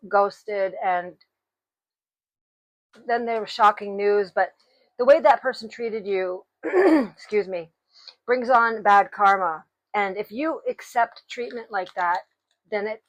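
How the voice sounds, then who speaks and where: A woman giving a tarot reading, speaking slowly and deliberately and clearing her throat now and then. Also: mid-range voice, no echo, poor audio. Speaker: tarot reader.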